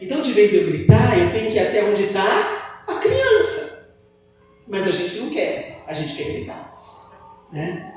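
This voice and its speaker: A woman preacher giving an animated church sermon and calling on the congregation to answer her. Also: medium pitch, a little slow, pauses often, soft background music. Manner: animated, asks the congregation for replies. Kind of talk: church sermon with call-and-response. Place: church hall. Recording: echoey hall, distant mic.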